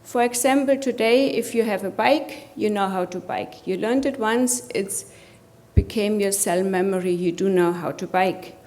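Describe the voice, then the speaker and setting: Her tone is darkish and her voice mid-range as this German-accented woman from Germany moves at a moderate pace through a motivational conference presentation. She asks the audience rhetorical questions along the way.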